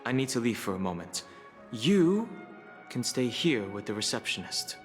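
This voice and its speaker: A man playing a serious, reserved young companion in a video game, speaking in a measured, dry way. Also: medium pitch, big pitch swings, soft background music, close to an everyday voice. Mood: serious, composed.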